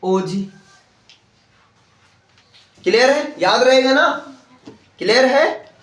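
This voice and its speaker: A man teaching a class, spelling words out letter by letter and often asking the students if it is clear. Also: extremely high pitch, animated, takes it slowly, a bit bright. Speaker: English teacher. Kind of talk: classroom lesson with call and response. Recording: roomy classroom audio from a distance.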